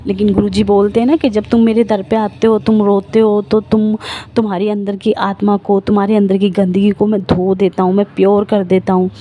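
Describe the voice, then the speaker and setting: A middle-aged woman shares her devotional testimony with the congregation, calling them sangat ji as she tells it with emotion and earnestness. Her medium-pitched, dark-toned voice is brisk with little pitch movement.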